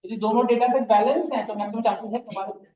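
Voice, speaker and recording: Teacher explaining in echoey lo-fi audio. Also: male voice, sits high, fairly even intonation, quick pace, dark tone. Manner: explains step by step, keeps checking students follow; calls students "beta" in a fatherly way. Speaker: machine learning teacher. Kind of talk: live online class lecture. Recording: echoey, dull lo-fi recording.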